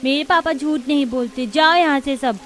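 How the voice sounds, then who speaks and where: A woman's voice: sits high, moderate pace, fairly bright tone. A woman voicing an eager, loyal little daughter in a childlike way.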